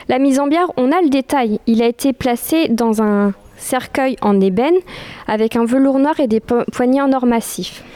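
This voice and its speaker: A woman with a fairly high voice gives an informal history lecture. She stops and restarts often, searching for her words. Her delivery feels unscripted. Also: a little mellow, dry recording. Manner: hesitant, many restarts and fillers. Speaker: speaker giving a history talk.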